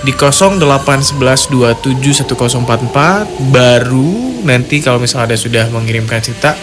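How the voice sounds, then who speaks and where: A man's voice: medium pitch, lively intonation, fairly quick. A man hosting a live radio call-in show casually, chatting directly to his listeners. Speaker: radio host of a horror-story call-in show. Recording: music playing behind voice.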